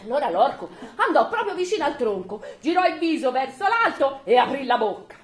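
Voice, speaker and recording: A woman reading a folk tale aloud at a live evening event, expressive with laughing asides. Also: high-pitched, a little fast. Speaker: storyteller. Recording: echoey room.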